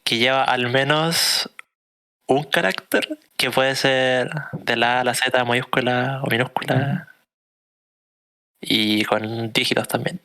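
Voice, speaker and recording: A man's voice: medium pitch, fairly even intonation, a little slow, pushed and bright. A man, a student, answering his teacher's questions in an online class, tentative and unsure.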